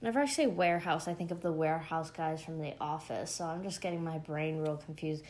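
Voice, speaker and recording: A woman's voice: sits low, brisk, a little mellow. A young woman chatting casually as she recaps a show, rambling with lots of fillers and gushing asides. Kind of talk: casual chat.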